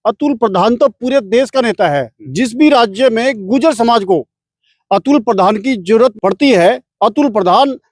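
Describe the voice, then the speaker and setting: A man's voice: extremely high pitch, expressive, normal speed, no room sound, studio quality. A man speaking in a street interview, declamatory and emphatic, listing points with force. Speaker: interviewee from the community.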